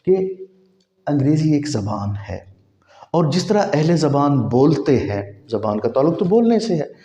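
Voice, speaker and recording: A man's voice: a little high, sing-song, measured pace, mellow, roomy sound. A man with a Pakistani Urdu accent teaching an English lesson, asking his own questions and then answering them, and spelling letters out one by one. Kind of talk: spoken language lesson.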